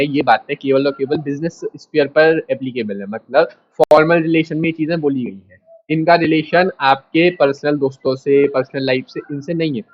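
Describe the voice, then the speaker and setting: A man's voice: a little high, highs cut off. A man teaching a class in a casual, direct way, repeating his points and talking straight to the students. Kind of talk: casual lecture.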